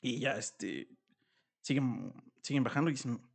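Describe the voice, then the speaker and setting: A man with a Mexican Spanish accent casually retelling a horror story, acting out the characters' argument in slangy, animated talk. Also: mid-range voice, unhurried, gravelly, breathy edge. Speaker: podcast host.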